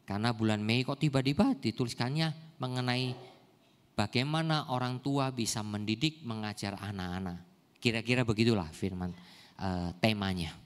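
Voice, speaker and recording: A man's voice: on the low side, normal speed. Older man preaching in an echoey church. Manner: asks the congregation rhetorical questions. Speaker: pastor. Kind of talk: sermon. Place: church service hall.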